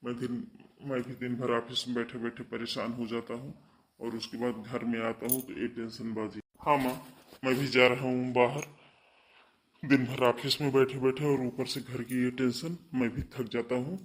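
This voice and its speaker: A man's voice: mid-range voice, level tone, normal speed, lightly acted. A man voicing a young married son in a cartoon, who lectures his wife sternly about respecting his mother. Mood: weary. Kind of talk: cartoon voice acting.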